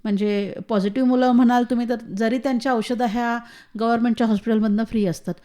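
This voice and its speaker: Earnest high-voiced woman. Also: fairly even intonation, fast talker, warm tone. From Maharashtra, India. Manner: earnest, emphatic, speaks in short phrases. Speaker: guest, founder of a children's home. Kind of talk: radio interview. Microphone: studio microphone.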